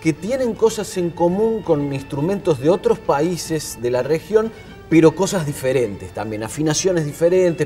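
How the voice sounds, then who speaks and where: Mellow co-host, higher voice. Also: male voice. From Argentina. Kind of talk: TV studio interview. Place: TV studio. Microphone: lapel mic.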